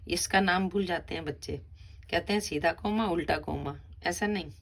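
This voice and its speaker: A woman's voice: fairly low pitch, normal speed. A middle-aged woman, a school teacher patiently explaining a grammar lesson step by step to children.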